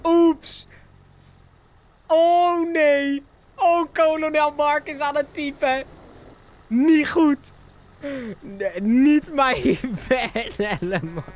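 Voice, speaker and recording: An excitable streamer, giving live gameplay commentary, laughing often and dropping English slang. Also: high voice, very slow.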